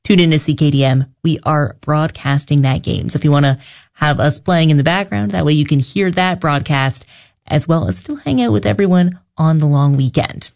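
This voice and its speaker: A woman, a station announcer reading game news and sponsors in a loud, dense radio voice over broadcast sound. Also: deep voice, normal speed, creaky. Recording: dull lo-fi radio audio.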